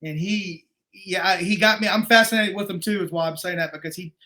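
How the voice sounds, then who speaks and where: A middle-aged man talking as a guest in a casual conversation, telling stories in a rambling, animated way. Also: high-pitched, fairly quick. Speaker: guest martial arts instructor.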